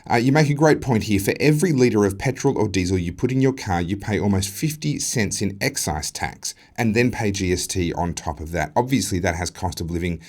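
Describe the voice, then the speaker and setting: A man hosting a news show, measured and earnest as he presents and interviews. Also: on the low side, lively intonation, darkish tone.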